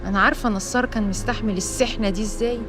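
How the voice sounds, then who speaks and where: A catty rival wife who rattles off teasing jabs in an Egyptian voice, played by an actress. Her delivery is very fast and slightly high. A music score is clearly heard behind her. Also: steady tone, fairly bright tone, natural voice. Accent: Egyptian Arabic. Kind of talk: Egyptian TV drama acting.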